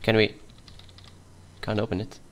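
Guy laughing his way thru a co-op zombie game, goofy and chatty. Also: unhurried. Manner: giggly, jokey, laughs often. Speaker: let's play host. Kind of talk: casual gaming chat.

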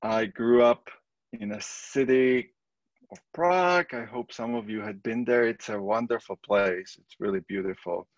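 A middle-aged man from the Czech Republic with a Czech accent, giving a relaxed, conversational recorded statistics lecture. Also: medium pitch, measured pace, dry recording, dull audio. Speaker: statistics professor.

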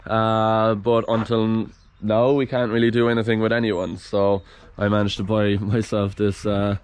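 A young man giving a relaxed, chatty vlog tour of his workshop, filmed on a handheld camera at arm's length. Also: lowish voice, normal speed. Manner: relaxed, chatty, lots of fillers. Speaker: vlogger. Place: large indoor workshop garage.

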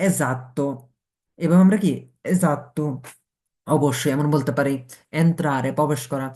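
A man's voice: fairly high pitch, warm tone. Man teaching letter sounds. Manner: explains each letter slowly, asks and answers his own questions. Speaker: language teacher. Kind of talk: Italian pronunciation lesson taught in Bengali.

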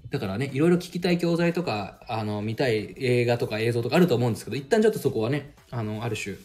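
A man hosting a podcast in a relaxed advice chat, talking quickly with a lively, swinging pitch. He lays out study steps one by one and pads pauses with small hesitations. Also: faint music behind. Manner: explains step by step with many fillers. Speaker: podcast host and language mentor.

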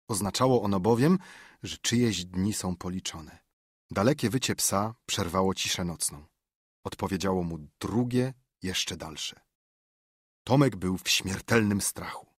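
A man reading a novel aloud as an audiobook narrator, with measured, atmospheric storytelling on a close studio microphone. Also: low voice, slightly rough, dry recording. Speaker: audiobook reader.

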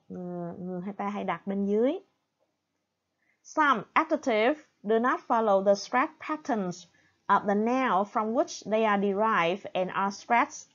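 Slow, careful Vietnamese-accented woman teacher. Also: medium pitch, highs cut off. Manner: explains in English, then repeats in Vietnamese. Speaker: English teacher. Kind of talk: online classroom lesson.

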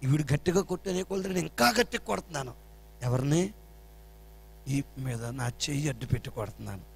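A male pastor preaching a sermon, telling a family story with animated delivery and acting out the voices. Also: fairly high pitch, fast talker, gravelly, breathy edge.

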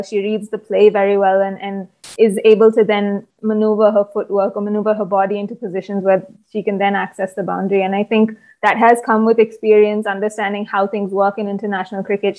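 A young woman with an Indian English accent breaks down a cricket innings on a video call. She keeps her tone level and even, and she pauses on plenty of ums. Her voice sits in an ordinary middle pitch and comes through an earphone mic. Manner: measured, analytical, with frequent ums. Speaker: cricket analyst. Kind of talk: post-match video call discussion. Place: small room indoors.

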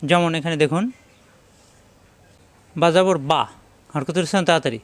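A man's voice: a little high, moderate pace, dry recording. A man teaching Quran reading step by step, patiently repeating each example syllable by syllable. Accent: Bangladeshi Bengali. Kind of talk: step-by-step recitation lesson.

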